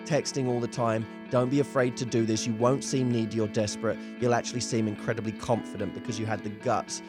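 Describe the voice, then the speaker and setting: A male dating coach and show host talks straight to viewers with emphatic conversational advice, sometimes acting out example dialogue. His medium-pitched voice is a little fast and doesn't move much in pitch, with music in the background.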